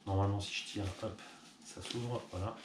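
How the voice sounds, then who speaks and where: Chatty low-voiced man unboxing gear. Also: fairly even intonation, normal speed. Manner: chatty, upbeat, frequent fillers. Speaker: online shop owner. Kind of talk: casual product unboxing. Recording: echoey room with clear background noise.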